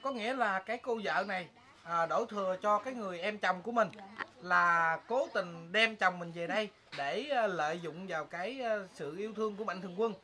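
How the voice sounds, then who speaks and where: A woman's voice: mid-range voice, fairly quick, pushed and bright. A woman with a Southern Vietnamese accent interviews politely, asking questions and giving short affirmations. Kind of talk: field interview.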